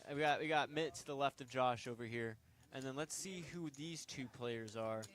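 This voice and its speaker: A man's voice: medium pitch, normal speed, fairly bright tone. A young man casually commentating a poker game on a stream, joking and rambling with fillers.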